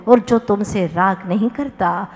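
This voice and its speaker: Jain nun sermon, woman, slow measured talk, long echo of a hall. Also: mid-range voice, darkish tone, lo-fi sound. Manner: chants verse slowly, then tells a story acting out both speakers. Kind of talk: devotional sermon with a told parable.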